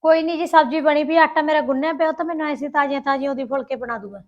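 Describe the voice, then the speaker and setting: A woman's voice: sits high, rapid-fire, natural voice. A woman playing a dutiful village wife in an amateur short film, explaining herself a little defensively. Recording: dull lo-fi sound.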